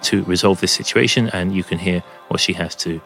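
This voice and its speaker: A man's voice: sits low, a little fast. A man presenting a music podcast in a casual, enthusiastic but rambling way, recorded at home under a blanket. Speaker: podcast host and DJ.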